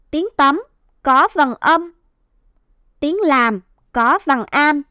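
A woman teaching first-grade reading, sounding out and stretching each syllable clearly for young children. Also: high voice, a bit bright, no echo, studio quality. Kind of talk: slow, clear phonics teaching.

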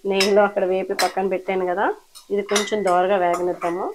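A woman talks her viewers through a home recipe in an easygoing, chatty way, with polite asides as she cooks. Her voice sits at an ordinary middle pitch. Pots, cutlery and stirring clatter clearly behind her in the kitchen. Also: level tone, fast, very noisy. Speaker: cooking vlogger. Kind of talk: casual cooking narration.

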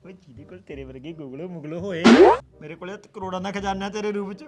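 An actor playing a lazy, quarrelsome village husband in a comedy sketch, bantering loudly and teasingly. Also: male voice, high voice, fairly even intonation, fast, lightly acted. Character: lazy bickering village husband, middle-aged man. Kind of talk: rural comedy sketch acting.

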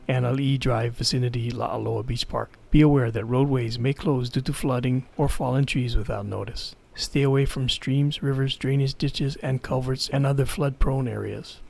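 Gravelly man reading an emergency bulletin. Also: mid-range voice, a little mellow. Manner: measured, formal delivery of warnings. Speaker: civil defense announcer. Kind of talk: read emergency broadcast announcement.

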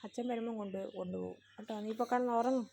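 A woman's voice: on the high side, very fast, creaky, dark tone, slight background noise. A woman with a Malayali accent, chatting casually and narrating while coaxing her pet dog in sing-song baby talk. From India. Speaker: pet owner vlogger.

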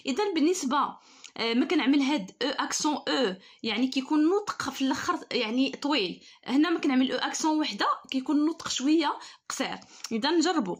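A young woman with a Moroccan accent, teaching a school lesson and explaining step by step, stretching out each French word slowly when she reads it. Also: high-pitched, animated.

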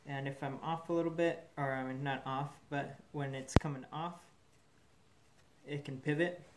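A man in a metal fabrication shop, talking through a build in a relaxed way and thinking aloud with fillers, recorded on the camera mic from above the bench. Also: mid-range voice, a little slow, very noisy. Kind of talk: casual shop demonstration. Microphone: camera mic, speaker off-frame above the bench.

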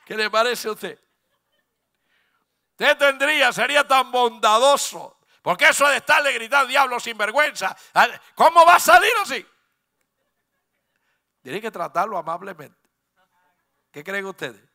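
A man preaching a sermon, shouting to the congregation and acting out the voices he quotes. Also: extremely high pitch, very animated, measured pace, pauses often.

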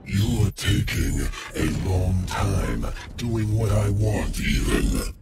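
Gravelly, menacing shadow monster. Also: male voice, on the low side, loud music behind the voice, exaggerated voice. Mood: impatient, sinister. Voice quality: gravelly, creaky. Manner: slow, theatrical, threatening. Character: sinister, menacing shadow monster, hungry child-snatcher. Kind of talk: video game voice acting.

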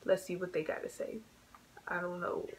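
A woman's voice: on the low side, completely flat delivery, normal speed. Young woman chatting casually, slightly noisy room. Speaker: YouTube channel co-host. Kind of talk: casual chat. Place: small bedroom. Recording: noisy home webcam recording.

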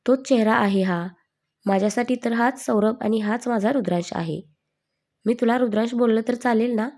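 A woman voicing a sharp-tongued, doting old grandmother who scolds and teases in a mellow storytelling voice. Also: a little high, moderate pace. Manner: teasing, scolding.

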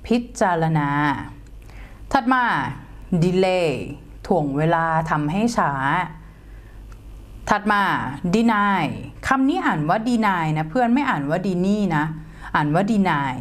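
A young woman explains grammar in an unhurried, measured way, stopping to spell words out letter by letter. Her voice sits at an ordinary middle pitch. She addresses her listeners as friends, with patient teaching. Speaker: English teacher.

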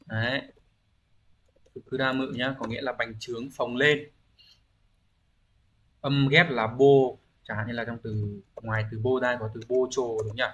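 Male language teacher, mid-pitched, patient explainer recording an online exam-review class; thinks aloud, lots of "uh" and rhetorical questions. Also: steady tone, a little slow, pauses often, fairly bright tone, a little hiss or hum. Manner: thinks aloud with frequent hesitation fillers.

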